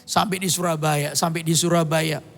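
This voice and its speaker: High-voiced storytelling pastor man. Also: flat delivery, normal speed, creaky, in a large hall, faint music behind. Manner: storytelling, bursts into song and shouts. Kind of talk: sermon.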